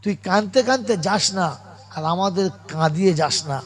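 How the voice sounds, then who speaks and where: A man voicing a tearful mother who softly pleads with her daughter as she sends her away. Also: normal speed. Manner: soft, low, pleading.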